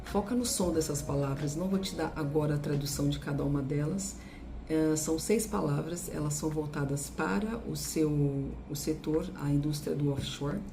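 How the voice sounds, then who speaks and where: A Brazilian woman teaching English pronunciation, drilling words with deliberate, exaggerated repetitions. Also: sits low, creaky, over music. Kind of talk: pronunciation lesson.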